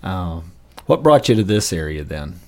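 A man with a somewhat low voice hosting a casual podcast interview. He asks questions in a friendly, encouraging way and often answers with short affirmations. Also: big pitch swings, moderate pace, darkish tone. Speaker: insurance agent, podcast host.

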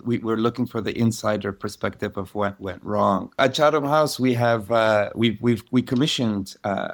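A man speaking as a researcher in a panel discussion. His voice sits in an everyday middle range, and he talks in a measured way that often circles back to restart a phrase. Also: mid-range voice. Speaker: think-tank researcher.

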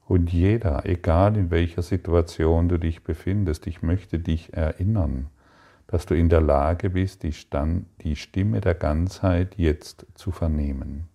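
A man giving a calm, meditative spiritual talk, speaking slowly and soothingly with long pauses. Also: sits low. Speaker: spiritual teacher.

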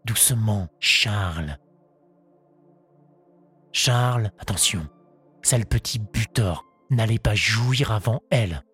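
A man's voice: fairly low pitch, takes it slowly, long pauses, fairly bright tone, husky, faint music behind, full character voice. A man voicing a commanding, scornful aristocratic baron in an audiobook, giving orders in an imperious, scolding tone. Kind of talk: audiobook character voice.

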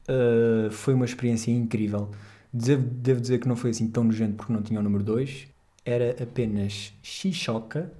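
A man's voice: mid-range voice, mellow. A young man with a European Portuguese accent, hosting a podcast in a rambling, jokey, slangy way. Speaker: podcast host. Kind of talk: casual podcast chat.

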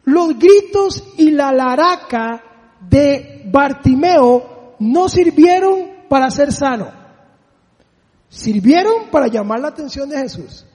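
A man with a strikingly high voice delivers a sermon, pressing his listeners with rhetorical questions. His words ring out with the long reverb of a large hall. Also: expressive, slow, darkish tone. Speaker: preacher.

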